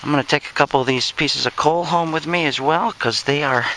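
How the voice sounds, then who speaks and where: A man's voice: fairly high pitch, a little fast, bright, forceful tone, a little hiss or hum, poor audio. A man casually narrating a metal detecting dig to his viewers outdoors, in short repeated remarks as he works. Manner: talks to viewers while digging, repeating short exclamations.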